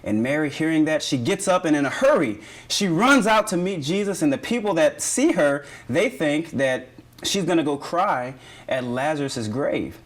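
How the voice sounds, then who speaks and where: Animated male pastor telling a story. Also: fairly high pitch, moderate pace. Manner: animated storyteller, acting out characters' lines.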